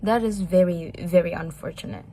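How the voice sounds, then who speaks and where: A woman's voice: fairly low pitch, dark tone, slight background noise. A woman interviewer giving a formal, prepared introduction and then asking questions. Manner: measured, formal, reads prepared lines. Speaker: interviewer, host.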